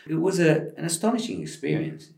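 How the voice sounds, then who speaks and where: A man's voice: on the high side, wildly swooping pitch, a little fast, gravelly, darkish tone. Man from Argentina, architect guest, reflective with restarts; echoey room sound. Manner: thoughtful, many fillers and restarts. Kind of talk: conversational interview.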